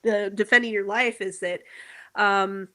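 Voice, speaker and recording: A woman in a casual podcast chat about movies, rambling and searching for words, quick to laugh. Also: mid-range voice, fairly even intonation, pushed and bright. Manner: laughs easily while telling stories. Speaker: podcast co-host.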